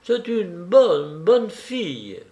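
A man reading as a childlike young man, high and excited, naive, fervent, in a storybook reading. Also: very slow, exaggerated voice. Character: simple, childlike young man, eager and devout.

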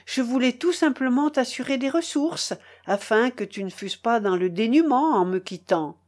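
A woman's voice: fairly high pitch, expressive, moderate pace, a little mellow. A woman reading the part of a remorseful male colonel in a storybook, pleading and apologizing effusively. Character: flustered, remorseful male colonel, eager to please.

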